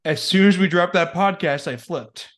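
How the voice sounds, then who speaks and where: An excitable man, co-hosting a casual sports podcast in slangy talk. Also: high-pitched, moderate pace. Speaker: podcast co-host.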